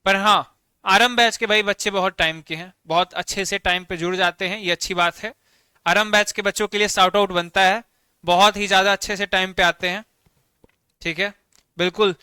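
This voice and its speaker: Bright, clear-voiced male teacher. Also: sits high, fairly even intonation, moderate pace, no room sound, studio quality. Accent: Bihari Hindi. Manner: explains with everyday examples, repeats "ठीक है" often. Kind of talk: online vocabulary lesson.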